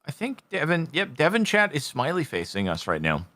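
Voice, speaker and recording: A man's voice: fairly high pitch, wildly swooping pitch, fairly quick, sharp tone, dry recording. A man giving casual game commentary, thinking aloud as he plays. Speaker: gaming streamer.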